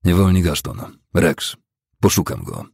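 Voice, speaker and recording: Brief: stern, icy young man, a male reader's plain voice, husky and dry, recorded close. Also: deep voice, sing-song, unhurried, darkish tone, dry recording, heavily acted. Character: cold, grim young man of action.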